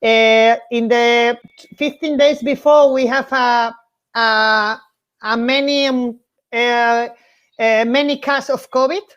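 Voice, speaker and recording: High-voiced woman with a Basque accent. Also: steady tone, a bit bright. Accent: Basque Spanish. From Basque Country, northern Spain. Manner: halting non-native English. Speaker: film-maker guest in live chat. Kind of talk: casual live video chat. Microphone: video call. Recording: dull lo-fi video-call audio.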